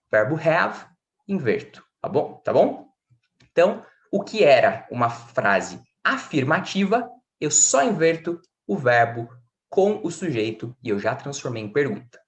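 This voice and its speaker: A Brazilian man teaching an online English lesson, switching between quick explanations and slow, clear model sentences in English. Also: fairly high pitch. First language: Portuguese.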